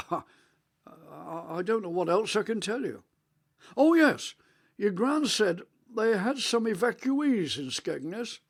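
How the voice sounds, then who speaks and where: A man, playing a rambling, reminiscing elderly grandfather on a video call in a radio monologue; his voice is rich and melodious, with halting restarts. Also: sits high, big pitch swings, heavily acted. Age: 80s.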